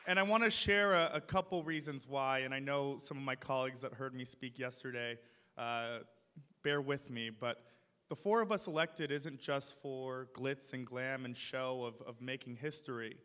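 Standing at a podium mic in a large ornate hall, a young city council member gives a passionate speech that rises to emphatic points. His medium-pitched voice is bright, forceful, clear and resonant at a moderate pace. Long hall reverb and an audience fill the background.

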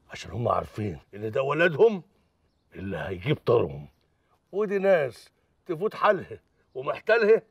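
An actor with an Egyptian accent playing a defiant village sheikh who calmly lectures a foreign general. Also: male voice, medium pitch, gravelly, no room sound, far from the mic, dull audio. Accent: Egyptian Arabic. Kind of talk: Egyptian TV drama acting.

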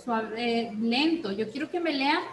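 A woman teacher giving an online reading class, speaking slowly and checking in with frequent questions, mixing Spanish and English. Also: fairly high pitch, expressive, reverberant, a little hiss or hum, rough recording. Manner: slow, repeats "¿ok?" often, switches between Spanish and English.

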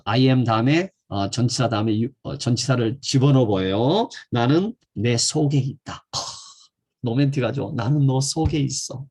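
A man from South Korea teaching an English grammar lesson built around Bible verses. He reads English phrases very slowly and deliberately, and his voice swings from loud stressed English words to soft encouragement. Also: medium pitch, husky.

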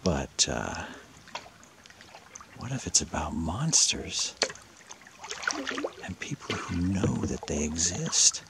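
A man paddling a kayak along a rocky lakeshore, talking excitedly to the camera and often dropping to a whisper. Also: low-pitched, slow pace, vocal fry, pauses often. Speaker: vlogger hunting for a lake monster. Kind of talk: casual first-person narration while paddling. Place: outdoors on a lake by rocky shore, in a kayak. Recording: outdoor camera audio with water and paddle noise. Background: water and paddling sounds.

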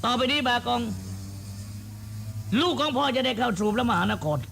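Puppet-play father, performed by a man: measured, persuasive counsel in a gravelly voice. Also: very high voice, pushed and bright, a little hiss or hum, heavily acted. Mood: instructive. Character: earnest, persuasive father figure in shadow puppetry. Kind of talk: shadow-puppet play dialogue.

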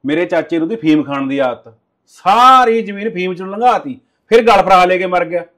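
A man's voice: sits high, animated, normal speed, fairly bright tone. A man playing a stern husband who lectures his wife insistently.

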